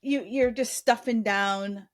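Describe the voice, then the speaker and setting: A woman's voice: a little high, slow. A middle-aged woman coaching on diet in casual interview chat, emphatic and blunt, often restarting her sentences. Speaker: guest, weight coach.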